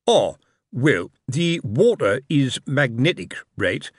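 Man voicing a bluffing middle-aged sergeant, slow drawn-out talk, very lively pitch, dry close sound, audiobook. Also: slightly rough, dry recording, exaggerated voice. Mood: blustering. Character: blustering middle-aged male watch sergeant.

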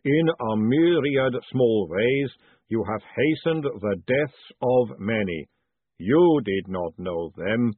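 A man voicing a calm, literal-minded male clay golem with a slow, rumbling, formal way of speaking. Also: breathy edge, no echo. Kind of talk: audiobook narration. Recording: dry, phone-like narrow band.

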